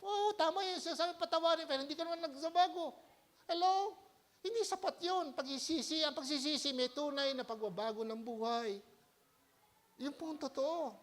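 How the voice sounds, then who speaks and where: A male pastor preaching a lively sermon in church, often checking his listeners with a rhetorical "Hello?" and swinging between loud exhortation and quiet asides. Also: very high voice, brisk. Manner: animated, keeps asking the congregation "Hello?".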